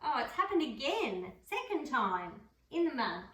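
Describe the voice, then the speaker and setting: Woman, storybook reader, slow and gentle, chatty asides, roomy room, mic far away. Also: high voice, sing-song. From Australia. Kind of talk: reading a picture book aloud to a dog.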